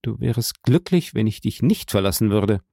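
A man reading aloud plays a grave older nobleman who speaks in a solemn, measured way. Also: on the low side, lively intonation, creaky, mellow, no room sound, studio quality.

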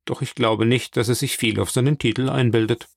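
A man reading the lines of a calm, worldly middle-aged count in an audiobook, measured and quietly ironic. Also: medium pitch, vocal fry, no echo, clean studio sound. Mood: composed.

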